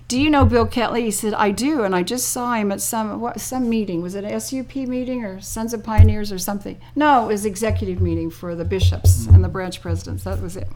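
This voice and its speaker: An older woman being interviewed, telling a personal story in a lively way, laughing often and acting out what others said. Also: medium pitch.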